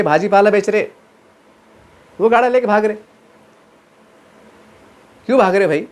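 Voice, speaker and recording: A man giving impassioned political commentary, asking rhetorical questions and answering them himself. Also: high-pitched.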